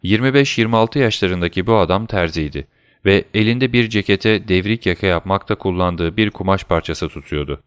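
Deep-voiced male audiobook narrator. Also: a little fast, clean tone, no room sound, studio quality. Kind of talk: scripted narration of a classic novel.

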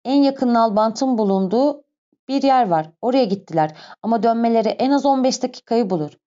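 A woman's voice: a little high, animated, fairly quick, mellow, lightly acted. A woman reading an audiobook, voicing a male villager answering matter-of-factly. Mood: plain. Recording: dull lo-fi recording.

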